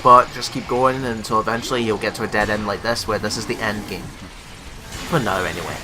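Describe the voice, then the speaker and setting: A man co-hosting a let's play, joking as he walks viewers through tricks. His voice sits a little low, with loud game music running behind him. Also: fairly even intonation, brisk. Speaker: co-host of a gaming channel. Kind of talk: casual gameplay commentary.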